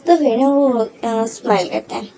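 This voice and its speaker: A woman's voice: on the high side, a little slow, creaky, crowd noise, poor audio. A woman casually retelling a story, filling her talk with fillers and briefly voicing each quoted line. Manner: frequent fillers, voices quoted lines briefly. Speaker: story narrator. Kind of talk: casual storytelling of fan fiction.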